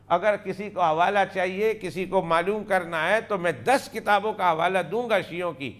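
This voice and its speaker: High-voiced man giving an emphatic religious lesson. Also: fairly bright tone. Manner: emphatic, repeats key phrases; acts out quoted dialogue.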